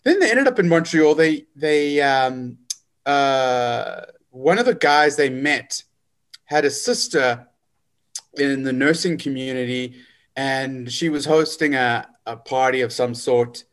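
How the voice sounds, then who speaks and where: A man's voice: mid-range voice, lively intonation, takes it slowly, a bit bright. A forty-year-old man being interviewed, talking in a hesitant way with many fillers. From South Africa. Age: 40s. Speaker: guest. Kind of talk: casual interview.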